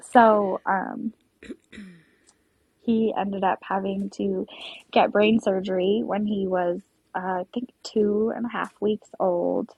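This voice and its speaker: Young woman, podcast guest, husky and a little gravelly, filler-heavy and emotional; muffled, dry sound. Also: medium pitch, steady tone, slow pace, no room sound. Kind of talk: personal storytelling interview.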